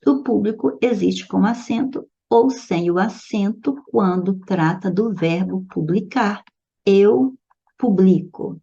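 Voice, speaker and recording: Patient woman teacher with a gravelly voice. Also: medium pitch, a little slow, hardly any pauses, warm tone, muffled recording. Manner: explains patiently, often checks in with "certo?" and "tá?". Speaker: Portuguese grammar teacher. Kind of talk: recorded lesson solving exam questions.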